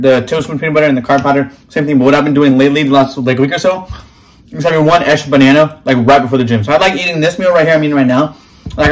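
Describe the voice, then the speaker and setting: A man in his twenties chatting casually to camera as a fitness vlogger, laid-back and saying bro and man a lot. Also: medium pitch. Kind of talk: casual vlog talk to camera. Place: home kitchen, indoors.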